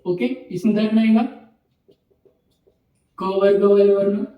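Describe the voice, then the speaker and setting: A man's voice: sits high, little pitch movement, unhurried, reverberant, lo-fi sound. A man teaching a Sanskrit lecture, explaining step by step, reciting letters one by one and checking in often with "okay". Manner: repetitive explaining, frequent "ठीक है" and "okay" check-ins. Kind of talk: online video lecture.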